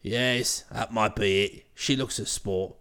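Storybook role: deep, gruff, crude chap, overfamiliar. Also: male voice, steady tone, slow, fairly bright tone. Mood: cheery crude. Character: cheery, vulgar, overfamiliar former valet.

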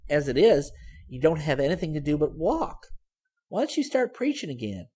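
A man's voice: a little high, big pitch swings, normal speed, warm tone, slightly rough, voice pushed up. A man reading a story voices a prying, persistent middle-aged landlady with a wheedling, badgering manner. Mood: coaxing.

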